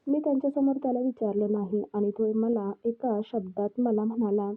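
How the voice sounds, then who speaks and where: A woman's voice: fairly high pitch, steady tone, normal speed. A young woman narrating a first-person story in a plain, confessional way. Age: young adult. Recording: tinny phone-like sound.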